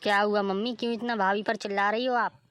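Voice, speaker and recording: A woman's voice: mid-range voice, fairly even intonation, fast, a bit bright, clear, resonant tone, no echo, lightly acted. A woman voicing a kind, supportive young sister-in-law in a cartoon story. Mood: reassuring. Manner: reassuring, kind.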